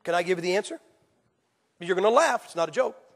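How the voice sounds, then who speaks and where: A man preaching a sermon, telling stories with acted quotes and swinging from loud to hushed. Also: high-pitched, expressive, fast talker, creaky. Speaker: evangelist preacher. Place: church. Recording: hall reverb.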